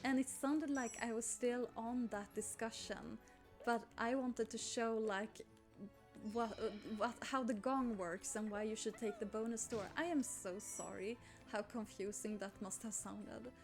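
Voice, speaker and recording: This Swedish gaming YouTuber, young and Swedish-accented, chats her way through a game in loose let's play commentary, frequently saying sorry and squealing over anything cute. She speaks a little slowly in a slightly high, steady voice, with faint game music in the background.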